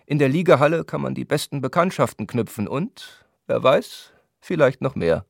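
A man voicing a brusque, impatient spa doctor who talks down to his patient in a gruff, scolding way. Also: mid-range voice, animated, moderate pace, no echo, clean studio sound, pitched above the performer's own voice. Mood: lecturing.

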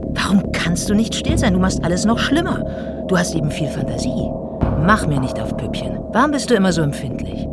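Lady doing a reproachful gaslighting partner, swings high and low, loud music behind. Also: close to an everyday voice. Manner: reproachful, belittling. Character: belittling manipulative partner, adult.

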